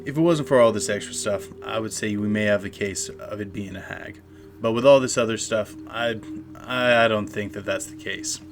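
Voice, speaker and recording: A man co-hosting a paranormal discussion, talking through folklore theories in a measured, speculative way. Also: on the low side. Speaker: podcast co-host. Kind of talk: conversational analysis of folklore and the paranormal. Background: clear music.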